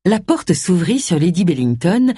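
A woman reading a novel aloud with expressive, scripted narration. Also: fairly low pitch, normal speed, slightly rough, no echo, clean studio sound. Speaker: audiobook narrator.

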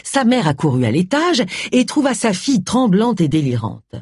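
A woman reading a novel aloud as an audiobook narrator, with expressive storytelling. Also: medium pitch, moderate pace, husky, dry recording, studio quality. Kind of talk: scripted narration.

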